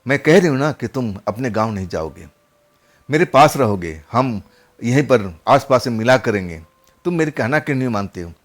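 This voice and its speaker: A man's voice: mid-range voice, lively intonation, moderate pace, lightly acted. A man voicing an evil female ghost who poses as a lover and insists in a pleading way, in a spoken horror story. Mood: insistent.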